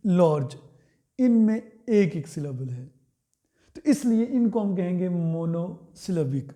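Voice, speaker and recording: A man teaching English grammar in Hindi, pronouncing example words slowly and putting questions to his students that he answers himself. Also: high-pitched, warm tone. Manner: slow, drawn-out words, asks and answers his own questions. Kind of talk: Hindi-language grammar lesson.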